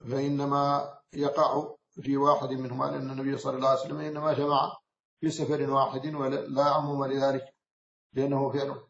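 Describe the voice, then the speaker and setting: A man from Mauritania, an Islamic scholar, giving a measured explanatory lecture on a classical text, often pausing and correcting himself. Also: on the high side. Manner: measured, explanatory, with frequent self-corrections and hesitations. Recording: roomy, slightly dull recording.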